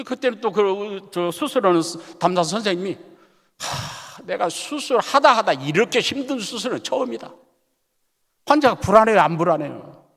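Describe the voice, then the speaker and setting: Male pastor preaching in a reverberant church. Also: on the high side. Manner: animated storytelling, often checks in with the congregation. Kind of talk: Sunday sermon with a told story. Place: church sanctuary. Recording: long church hall reverb.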